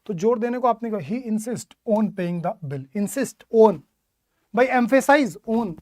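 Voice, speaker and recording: A man's voice: high-pitched, darkish tone, dry recording, studio quality. A male teacher giving an online exam-prep English lesson, drilling word meanings with repeated questions and calling students his children.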